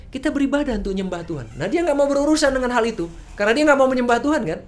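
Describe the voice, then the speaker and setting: A woman's voice: sits high, lively intonation, rapid-fire. A woman preaching a sermon in a church service, casual and conversational, often asking rhetorical questions.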